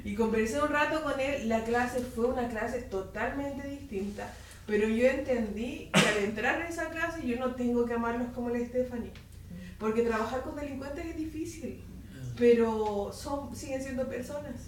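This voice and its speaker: High-voiced Chilean woman in an echoey classroom. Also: moderate pace. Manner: animated storytelling, acts out dialogue. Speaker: Bible institute teacher. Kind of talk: informal classroom testimony. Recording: distant mic in an echoey room, faint hiss.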